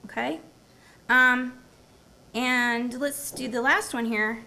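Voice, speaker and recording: Gravelly-voiced woman giving an academic talk. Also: a little high, steady tone, takes it slowly, bright, forceful tone. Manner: engaging, quizzes the audience and repeats their answers. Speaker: university professor presenting at a symposium. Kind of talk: academic presentation with audience quiz. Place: lecture room before a live audience.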